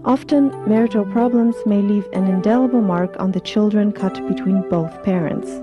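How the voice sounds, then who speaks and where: A woman doing scripted documentary narration in a measured, even manner. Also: medium pitch, lo-fi sound. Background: music.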